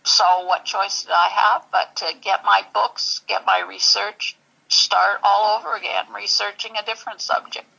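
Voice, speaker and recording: Husky, gravelly-voiced woman recalling her past. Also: mid-range voice, flat delivery, pushed and bright, lo-fi sound. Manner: halting, searching for words, many restarts. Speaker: interview guest. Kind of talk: personal story in an interview.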